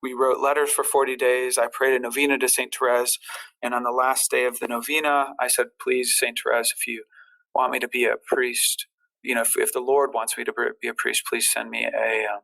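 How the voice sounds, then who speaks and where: Man, casual storyteller, gravelly creak, mid-pitched, rambling, halting delivery with repeated words. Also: flat delivery, sharp tone, poor audio. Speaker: podcast guest.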